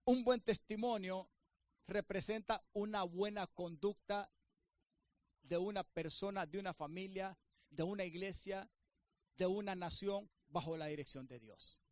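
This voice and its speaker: A man preaching a sermon as pastor, swinging between emphatic raised lines and quieter asides to the congregation. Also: high voice, measured pace.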